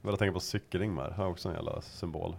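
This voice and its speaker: A young man with a low-set voice, talking in a relaxed, chatty way among friends. He has a wry turn of phrase and drops casual swearing into his stories. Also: creaky, slightly rough. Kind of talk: casual chat.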